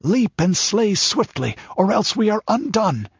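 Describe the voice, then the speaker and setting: A fierce barbarian warrior, as a man puts him on speaks high and strained, pressing hard and urgently. The voice is husky and unhurried, on a dull lo-fi recording with a dry sound. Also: very animated, no echo, full character voice. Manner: urgent, forceful pleading.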